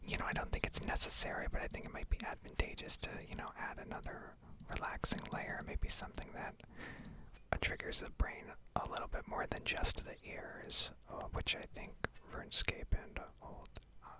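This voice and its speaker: Speaking in a soft whisper, an ASMR gaming streamer rambles slowly and hesitantly. The recording comes from her home, captured on a Blue Yeti desktop mic.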